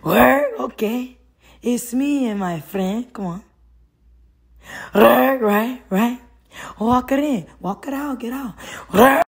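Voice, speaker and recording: A young woman chatting playfully with a friend in quick remarks. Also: on the high side, vocal fry, husky. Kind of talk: casual chat with a friend.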